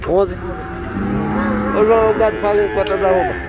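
A man asking sellers quick, friendly questions about their cattle at an outdoor market. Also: high voice, flat delivery. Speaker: vlogger touring a cattle fair. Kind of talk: casual interviewing of sellers. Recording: loud market crowd behind. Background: cattle and crowd noise.

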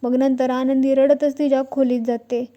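A woman's voice: sits high, level tone, normal speed, dark tone. A woman narrating a recap of a TV serial's episode, reading the characters' dialogue out in her own plain voice. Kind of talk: scripted plot recap narration.

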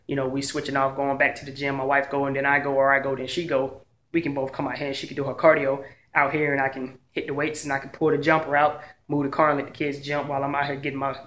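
A man in his thirties excitedly showing off home gym gear in his garage, talking casually into a phone held at arm's length. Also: a little high. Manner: excited, chatty, slangy. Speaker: fitness vlogger. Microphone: phone camera at arm's length.

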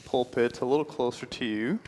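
The guest speaker is a twenty-something man from Puerto Rico giving a church talk in a hall with a stone fireplace, friendly and earnest, with some restarts. His mid-range, darkish voice moves briskly over slight background noise. A handheld mic is used first, then a headset.

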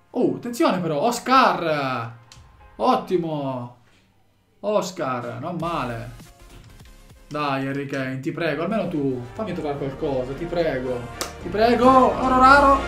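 A man commentating as he opens game packs, swinging from shouted excitement to low muttering. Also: echoey room. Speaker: gaming YouTuber opening packs.

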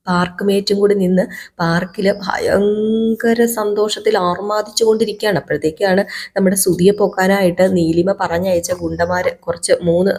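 A woman's voice: mid-range voice, a little mellow, breathy edge. A woman casually retelling a TV serial episode for her viewers, chatting with them directly. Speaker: serial recap vlogger.

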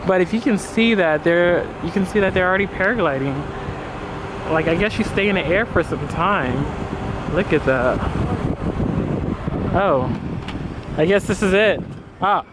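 A man's voice: high voice, moderate pace, pauses often. Chatty young man vlogging on a street. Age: young adult. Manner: chatty, rambling, laughs often between lines. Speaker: travel vlogger. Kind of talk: casual vlog chat to camera. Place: outdoors on a busy city street. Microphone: handheld camera held close. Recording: street traffic noise behind. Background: city traffic and passing vehicles.

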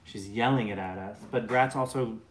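A man's voice: on the low side, normal speed, a little hiss or hum. Rambling man in his late thirties. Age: late 30s. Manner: rambling, joking, reading comments aloud. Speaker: live stream co-host. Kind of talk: casual live-stream chat. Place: bright living room at home. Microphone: phone camera close up.

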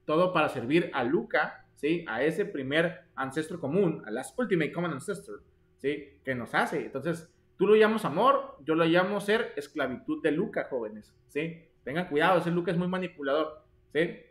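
A man leads a live-streamed biology class for exam prep. He talks in a joking, theatrical way and keeps turning to his students as "jóvenes". His voice sits a little higher than most men's. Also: animated, normal speed. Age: 30s. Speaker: online biology teacher.

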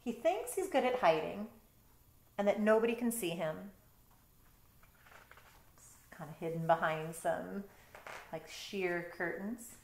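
Expressive and darkish in tone, her fairly low voice moves a little slowly with long pauses as she reads a picture book aloud. This middle-aged storytime teacher adds chatty, explanatory asides from a bedroom at home, recorded with roomy indoor echo.

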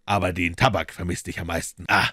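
A man voicing a calm, clever detective who talks in a measured way in an audiobook. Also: low voice, dry recording, studio quality. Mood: wry.

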